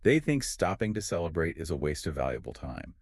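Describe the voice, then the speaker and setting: A man's voice: sits low, very animated, fairly quick, no echo, studio quality. A man co-hosting an explanatory podcast, confidently walking through ideas step by step. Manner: confident, explains in clear steps. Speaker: podcast co-host.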